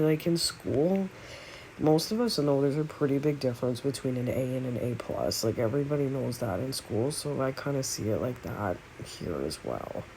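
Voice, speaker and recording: Captured on a phone in a low-quality recording with a faint hum of room noise, a woman talks in a mellow bass voice with vocal fry, at the floor of her range and congested and nasal from a cold. She's a music vlogger building a tier list, chatting loosely and unscripted in casual, unedited commentary that wanders through fillers and asides.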